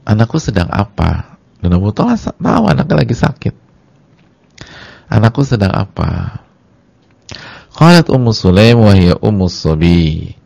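Gravelly low-voiced male preacher. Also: big pitch swings, measured pace, pauses often, a little mellow. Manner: acts out dialogue in a high weeping voice; addresses the women in the audience directly. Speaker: Islamic preacher. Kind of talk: sermon-style religious lecture.

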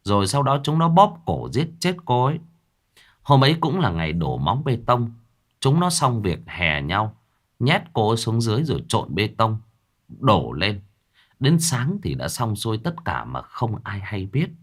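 A man's voice: fairly low pitch, huge pitch swings, a little slow. A man narrating a horror story in the first person with dramatic, vivid delivery.

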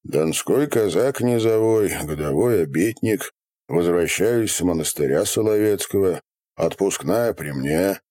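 A man voicing a calm, plain-spoken Cossack who answers without boasting in an audiobook. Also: low voice, a little slow, no room sound, clean studio sound. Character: calm middle-aged Cossack, steady and unboastful. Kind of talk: audiobook character reading.

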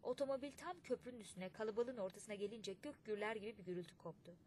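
A woman reading a literary audiobook in a measured, expressive way. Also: medium pitch, a little hiss or hum. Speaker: audiobook narrator.

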